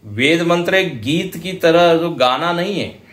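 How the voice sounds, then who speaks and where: A man with an Indian accent giving a scripture lecture, explaining slowly and deliberately and chanting example verses now and then. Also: fairly high pitch, animated, a bit bright. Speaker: spiritual teacher. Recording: roomy hall echo.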